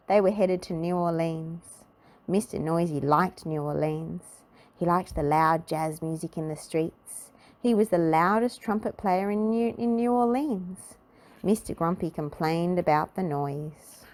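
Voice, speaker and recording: Reading a children's story aloud, a woman uses a slightly low, darkish voice and narrates expressively at a measured storybook pace.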